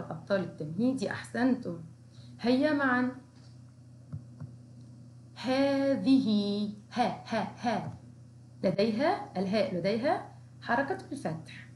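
A woman teaching young children to write, praising often and slowly sounding out syllables and letter marks. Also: medium pitch, darkish tone, roomy sound, a little hiss or hum. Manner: encouraging, slow, sounds out syllables. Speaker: kindergarten teacher. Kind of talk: recorded Arabic writing lesson for young children.

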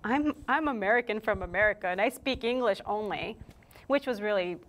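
Speaking briskly at a medium pitch, this Puerto Rico-raised singer in her thirties tells animated, laugh-filled stories as an interview guest. The casual conversation takes place indoors on a TV studio set, picked up by a lapel mic.

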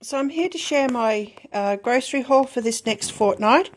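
A woman's voice: a little high, animated, normal speed, slight background noise. A middle-aged Australian woman vlogging her grocery haul, chatty and thrifty, listing items with frequent ums, filmed on a handheld phone. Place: discount shop aisle, then at home over groceries.

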